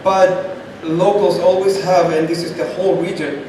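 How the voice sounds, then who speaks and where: In an echoey, noisy room heard from a distance, a man with a Chilean Spanish accent answers questions as a startup event guest. His high-pitched voice is delivered flatly at normal speed, and he stays emphatic, repeating points to stress them.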